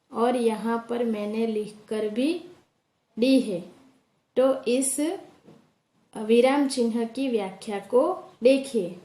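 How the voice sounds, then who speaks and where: A woman teacher with a Gujarati accent giving a slow, deliberate grammar lesson, repeating and rephrasing each point for her students. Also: on the high side, dark tone, roomy sound. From India. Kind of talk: classroom lesson explaining grammar.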